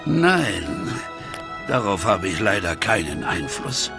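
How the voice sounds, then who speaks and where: An actor playing a solemn ancient sorcerer's ghost risen from the grave, speaking gravely and declaiming in a horror audio drama. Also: male voice, low voice, big pitch swings, takes it slowly, heavily acted. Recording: music behind the voice.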